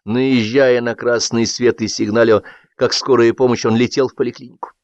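A man narrating a satirical story in an expressive, lively reading. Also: medium pitch, normal speed, no room sound. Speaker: audiobook narrator. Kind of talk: scripted narration. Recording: dull dry audiobook recording.

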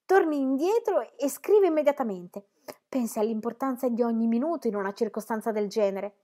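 Brief: woman voicing a sharp, spirited young woman, urgent and earnest, in an audiobook. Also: sits high, steady tone, normal speed, breathy edge, voice pushed up. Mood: pleading. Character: quick-witted young woman, anxious and spirited. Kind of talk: audiobook character reading.

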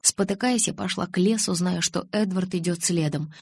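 A woman reading an audiobook in measured, even narration. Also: lowish voice, gravelly, husky, dry recording. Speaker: audiobook reader.

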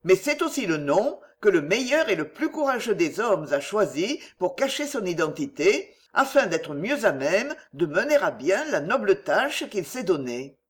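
A man voicing a fervent, loyal young English gentleman in an audiobook, earnest and passionate. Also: high-pitched, big pitch swings, moderate pace, few pauses.

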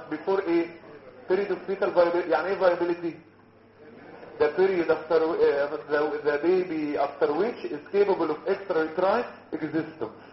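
Man, Egyptian accent, medical lecture, joking quizzing manner, echoey dull lecture hall recording. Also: high-pitched. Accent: Egyptian Arabic. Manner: joking, quizzes students, mixes English terms.

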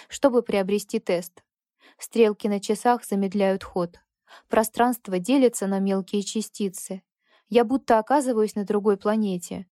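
Mellow woman narrating a story. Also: medium pitch, no room sound, studio quality. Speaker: audiobook narrator. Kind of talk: first-person story narration.

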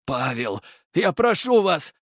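A man voicing a desperate middle-aged nobleman and father, shrill and emotional, in an audiobook. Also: normal speed, pushed and bright, dry recording, studio quality, natural voice. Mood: pleading. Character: distraught middle-aged nobleman father, furious then begging.

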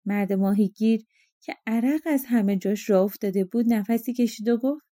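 A woman narrates a storybook of folk tales in a calm, even way. Her voice is fairly high yet mellow and dark-toned, recorded dry and close to the mic. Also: dry recording. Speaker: audiobook narrator.

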